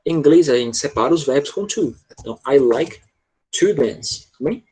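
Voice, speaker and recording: A man's voice: mid-range voice, animated, moderate pace, dark tone, husky, rough recording. A man with a Brazilian Portuguese accent, teaching an English grammar class and patiently asking "tá?" and "né?" to check his students follow. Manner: patient, repeats "tá?" and "né?" to check understanding.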